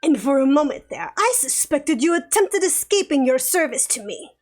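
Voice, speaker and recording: A woman's voice: high voice, big pitch swings, soft background music. A woman putting on a bratty nasal crow demon. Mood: haughty. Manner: speaks down, slow and lordly. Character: haughty male crow demon, bratty and condescending.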